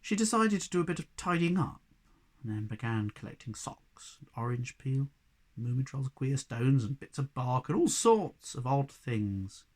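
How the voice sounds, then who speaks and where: A man, a primary school teacher, reading a children's storybook aloud in an expressive way. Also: mid-range voice, normal speed.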